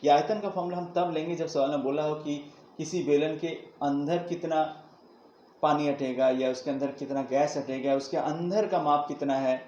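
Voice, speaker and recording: A male teacher with a somewhat high voice works through a math lesson step by step, putting questions to his students and answering them himself. He sounds recorded from a distance in an echoey room. The sound is dull and lo-fi with a faint hiss behind it. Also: fairly even intonation, normal speed, mellow. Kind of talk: classroom math lesson at a board.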